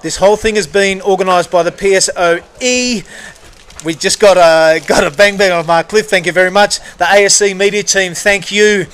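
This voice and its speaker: A man hosts live surf coverage as a commentator, sounding casual, matey, and enthusiastic. His high voice is steady, a bit bright, and smooth, at normal speed.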